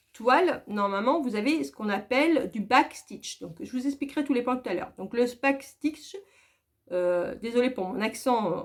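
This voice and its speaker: A woman hosting a craft tutorial, chatty and full of hesitant fillers and restarts. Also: on the high side. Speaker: craft video host. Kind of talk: casual tutorial talk.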